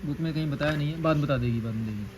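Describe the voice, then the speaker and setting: High-voiced man teaching a lesson. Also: darkish tone, slight background noise, low-quality recording. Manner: repeats key terms, slow dictation of formulas. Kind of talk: classroom lecture on engineering.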